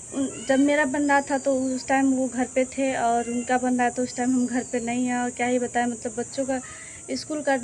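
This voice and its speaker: Woman in her 30s, Bhojpuri-tinged Hindi, higher voice, flat delivery, phone-recorded outdoors with faint noise, chatty vlogger. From eastern Uttar Pradesh, India. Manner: chatty, repeats "what to say" often. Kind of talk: casual vlog chat. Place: outdoors at a village home.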